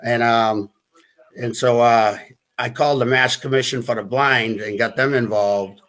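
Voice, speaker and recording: A man's voice: medium pitch, steady tone, fairly bright tone. A middle-aged man with a New England accent, a guest talking casually in a live stream, full of restarts and fillers. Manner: halting, many restarts and fillers, chuckles.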